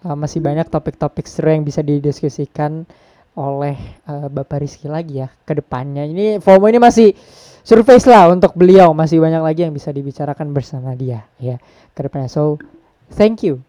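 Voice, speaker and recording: A man hosting a casual podcast, relaxed and mixing English phrases into his talk. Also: on the high side, a little fast, dry recording. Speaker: podcast host.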